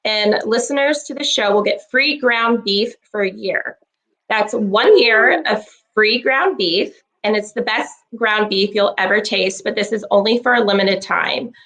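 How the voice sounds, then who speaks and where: A woman's voice: mid-range voice, unhurried, a bit bright, poor audio. A woman of about thirty co-hosting a podcast, talking casually, supportive and teasing. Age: 30s. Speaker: podcast co-host. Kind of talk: casual chat.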